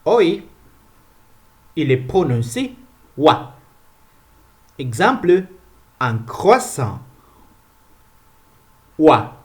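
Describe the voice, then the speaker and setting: Slow, deliberate male pronunciation teacher. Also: on the high side, big pitch swings. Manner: repeats each sound slowly and clearly.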